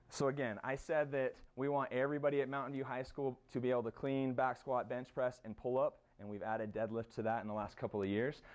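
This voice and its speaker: Man, American accent, coach at a conference talk, smooth clear voice, casual, filler words, mid pitch. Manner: casual, fillers, lists exercises. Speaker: high school strength coach presenting. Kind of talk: conference presentation. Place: conference room.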